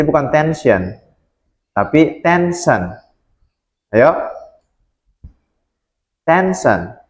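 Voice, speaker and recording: A man teaching a vocabulary lesson, quickly explaining words and then stretching them out slowly for students to repeat. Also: lowish voice, lo-fi sound. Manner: slow, drawn-out model pronunciation between quick explanations. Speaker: English teacher.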